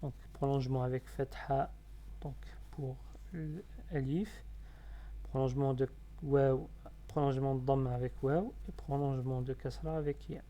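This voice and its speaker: A man teaching a reading lesson step by step. He is patient, sounding out syllables slowly and repeating them. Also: medium pitch, steady tone, warm tone.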